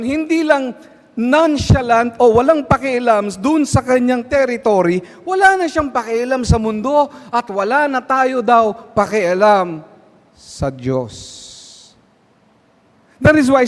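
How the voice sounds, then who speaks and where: A man with a Filipino accent preaching a sermon at a prayer meeting, often asking his listeners questions. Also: very high-pitched. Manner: switches between Tagalog and English, asks the crowd questions. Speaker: guest preacher. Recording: long hall reverb.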